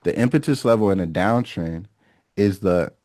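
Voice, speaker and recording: A man's voice: sits low, moderate pace, warm tone, no echo, clean studio sound. A man teaching a recorded lesson on reading market charts. He talks emphatically, repeats key phrases and keeps checking in with "okay?" and "right?". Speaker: trading instructor.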